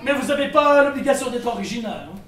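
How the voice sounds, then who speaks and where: An actor as a theatrical genie, high voice, chatty, grandiose, comic drama, distant echoey mic. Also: animated, fast talker, crowd noise. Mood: pompous, explaining. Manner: theatrical, exclamatory genie delivery with booming incantations. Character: grand, chatty male genie, grumbling bureaucrat of wishes. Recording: echoey room, distant mic, audience noise.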